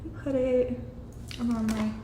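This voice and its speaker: A young beauty vlogger with a Mexican accent runs through a casual makeup tutorial, swearing freely and chatting on the side. Her voice is on the high side, steady, and unhurried, recorded in an echoey room with hiss.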